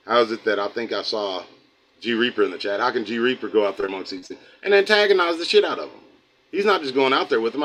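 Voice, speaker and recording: A man's voice: mid-range voice, a bit bright, low-quality recording. A middle-aged man from the United States hosting a livestream, chatting casually with viewers in a folksy, rambling way that drifts into preaching. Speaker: host of a livestream channel. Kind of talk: casual livestream talk, reading chat.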